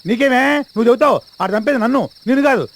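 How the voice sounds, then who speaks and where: A shrill, scheming comic broker. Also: male voice, racing. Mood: scolding. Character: scheming comic male broker, bossy and crude. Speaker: pimp-like broker. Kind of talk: film comedy scene.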